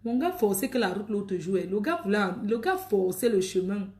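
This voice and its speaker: A woman's voice: mid-range voice, big pitch swings, moderate pace, warm tone, roomy sound. A woman hosting a live stream, chatting in a bawdy, laughing way with frequent exclamations. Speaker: live-stream host selling products. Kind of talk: raunchy casual live chat.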